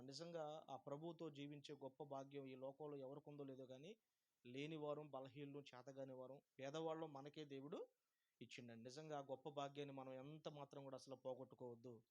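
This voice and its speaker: A man preaching as a pastor, building shouted repetitions and calling the congregation to praise. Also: mid-range voice, little pitch movement, a little fast. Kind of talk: sermon.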